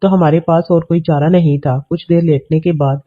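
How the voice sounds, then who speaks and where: Guy narrating a story, steady even read, kinda high voice, phone-like tinny audio.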